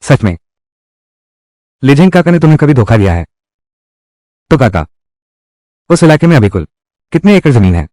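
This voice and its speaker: A man's voice: mid-range voice, very animated, moderate pace, pauses often, dark tone, no room sound, studio quality. A man reading all the character lines of a dubbed drama in one voice. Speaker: voice-over reader of a dubbed drama.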